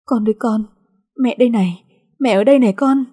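A woman voicing a young mother frantic with grief, pleading in a shrill, tearful voice. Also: lively intonation, brisk, mellow, husky. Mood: distraught.

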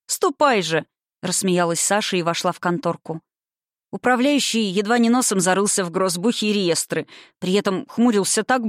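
A woman narrating a novel in an even, expressive audiobook reading. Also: mid-range voice, no room sound, studio quality.

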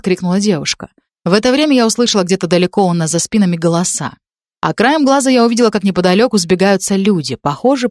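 A woman reading a first-person story aloud as narrator, in steady storytelling. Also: fairly low pitch, no echo, clean studio sound.

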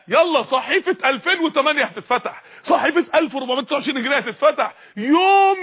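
A man with an Egyptian Arabic accent preaching a sermon, pressing the audience with repeated questions in a husky voice. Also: very high-pitched, pushed and bright.

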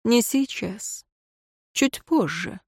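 A woman voicing the hushed, sly inner thoughts of a scheming young male servant in a storybook reading. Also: lowish voice, lively intonation, extremely slow, dry recording, studio quality.

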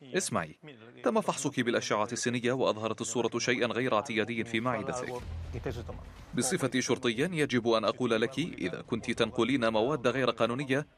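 A man's voice: mid-range voice, quick pace, a crowd in the background, close to an everyday voice. A man dubbing a firm airport police officer. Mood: stern. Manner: firm, questioning. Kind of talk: dubbed documentary dialogue. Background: faint music.

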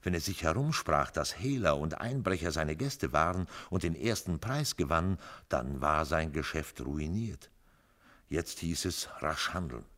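A man giving an expressive, measured literary reading of a story for radio. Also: a bass voice. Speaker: reader. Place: radio studio.

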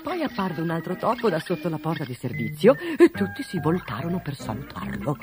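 A storyteller reading a children's fable aloud in an expressive, animated way. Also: medium pitch, fairly quick, over music. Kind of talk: scripted storybook narration.

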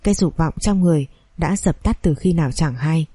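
A woman reading a scripted audiobook story in a steady, measured way. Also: deep voice, slightly rough, dry recording. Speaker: narrator.

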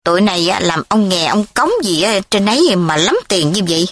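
A woman's voice: on the low side, lively intonation, brisk, no room sound. A woman reading the lines of a nosy, fretful elderly village aunt in a recorded story.

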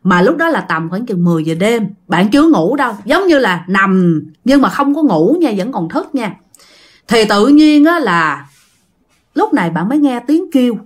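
A woman's voice: a little high, big pitch swings, normal speed. A woman telling a ghost story in a casual, chatty way, speaking straight to her listeners. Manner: chatty, addresses listeners directly.

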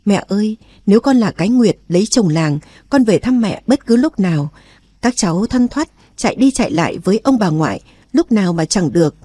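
A woman's voice: medium pitch, expressive, brisk, dark tone, no room sound, close to an everyday voice. A woman voicing a young queen who is weary of palace life, speaking in an earnest, confiding way in an audiobook.

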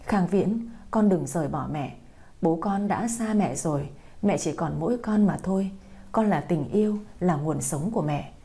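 Tearful, pleading young mother in a storybook audio, low mellow voice, read by a woman narrator. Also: moderate pace, close to an everyday voice. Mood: distraught. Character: young mother frantic over her missing son.

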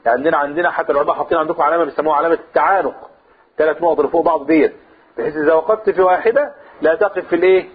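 Egyptian guy teaching quran commentary, kinda husky voice, sounds tinny like a phone line. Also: fairly high pitch, very fast. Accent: Egyptian Arabic. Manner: explains by asking and answering his own questions. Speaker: religious teacher.

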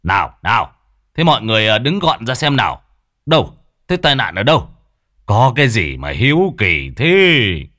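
A man voicing a gruff, short-tempered older male village head, talking loudly and scolding. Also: deep voice, big pitch swings, normal speed, dry recording, clean studio sound. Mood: commanding. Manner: loud, scolding, stammers when startled.

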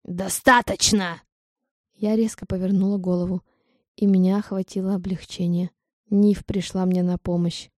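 Woman narrating a story in a mellow voice. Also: on the low side, level tone, moderate pace, no room sound, clean studio sound. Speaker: audiobook narrator. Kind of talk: first-person audiobook narration.

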